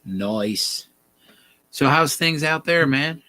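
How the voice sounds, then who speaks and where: A man's voice: on the high side, animated, very slow, bright, forceful tone. A man in his fifties hosting a casual livestream chat in a laid-back, sweary way. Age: 50s. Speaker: livestream host.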